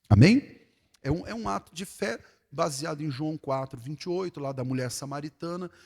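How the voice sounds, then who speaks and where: A middle-aged man with a São Paulo accent, preaching a sermon as pastor, talking conversationally and then bursting out loudly. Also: a little high, creaky. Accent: Brazilian Portuguese, São Paulo. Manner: conversational preaching with sudden loud exclamations. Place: church hall. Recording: echoey church hall.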